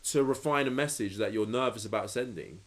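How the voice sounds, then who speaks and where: A man's voice: lowish voice, brisk, a bit bright. A man co-hosting a podcast, speaking bluntly and swearing freely, at times reading from an article. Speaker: podcast co-host. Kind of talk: casual chat, reading from an article.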